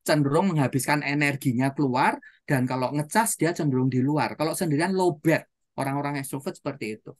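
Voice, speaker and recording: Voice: medium pitch, a little fast, no echo, clean studio sound. A seminar trainer telling anecdotes, asking the audience rhetorical questions and tagging phrases with casual asides. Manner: storytelling, with frequent rhetorical questions and "gitu ya" tags. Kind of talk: motivational seminar talk.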